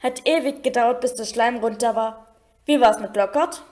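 A woman's voice: on the high side, normal speed, darkish tone, lightly acted. A woman voicing a grumbling, puzzled twelve-year-old schoolboy in a storybook reading. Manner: complaining, puzzled.

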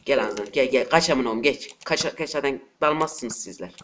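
A man giving frustrated gameplay commentary at his computer, cursing and breaking into shouts, with keyboard clicks behind him. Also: medium pitch, brisk, slight background noise. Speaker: gaming channel host. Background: keyboard typing and mouse clicks.

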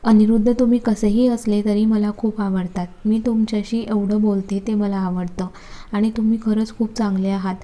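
A woman's voice: mid-range voice, steady tone, normal speed, mellow, close to an everyday voice. A woman voicing an innocent young wife who pleads affectionately with her husband in a storybook reading. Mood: pleading.

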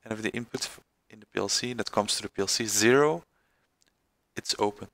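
A man presenting a screen-recorded software tutorial, halting with many fillers and restarts. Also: lowish voice, gravelly, dry recording.

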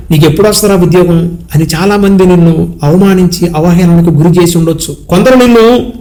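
A man's voice: sits high, darkish tone. A man preaches with earnest, exhorting force. He urges listeners on and moves into prayer in a sermon delivery. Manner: earnest, exhorting, sings slow hymn lines.

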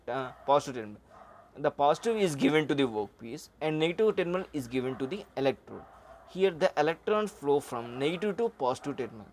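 Male instructor, middle-aged, slide lecture, halting delivery with filler words. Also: on the high side, a little mellow, slight background noise. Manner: halting, frequent "uh" and "okay" fillers. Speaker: welding instructor.

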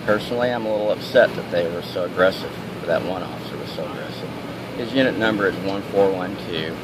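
Outdoors at night on a city street full of traffic noise, a man films police with a handheld camera, his running commentary sardonic and challenging. He talks fast in a low-sitting voice.

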